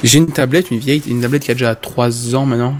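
A man speaking loudly on a tech podcast, so loud his mic clips. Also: medium pitch, steady tone, fast, a little hiss or hum. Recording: clipping online voice chat.

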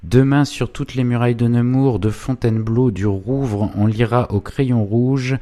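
Man doing a spiteful hunchbacked clerk for a storybook reading: pitched high above the reader's own voice, bitter, scheming, pushy. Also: steady tone, a little slow, dark tone, lightly acted. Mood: feverish vengeful.

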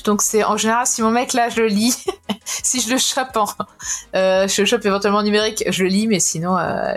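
A young woman speaks with a slightly nasal, blocked-nose sound from a cold. She reviews a comic in a relaxed podcast chat, often pausing and restarting her sentences. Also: medium pitch. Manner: hesitant, frequent pauses and restarts.

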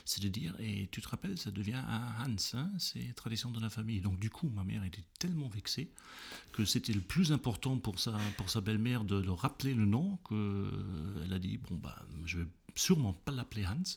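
Male guest, husky and gravelly, halting and thoughtful delivery. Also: lowish voice, animated. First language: German. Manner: hesitant, many fillers and restarts while recounting. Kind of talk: interview conversation.

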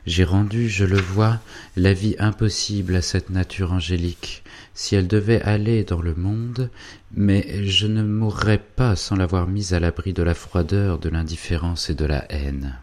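A man's voice: deep voice, steady tone, unhurried, darkish tone. A man voicing a dignified, grave old doctor and guardian in a read-aloud novel.

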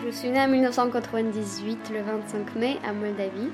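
A Moldovan woman in her twenties, a native Romanian speaker, tells her life story as a podcast guest, chatty and self-mocking, often restarting sentences. Her voice is fairly high and steady, and she talks fairly quickly over loud music.

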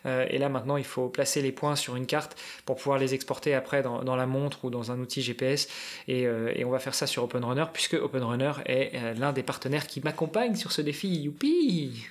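A man's voice: mid-range voice, fairly even intonation, fairly quick. A man in a casual podcast conversation, explaining things as he thinks aloud. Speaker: guest, endurance athlete preparing a challenge. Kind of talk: casual podcast interview talk.

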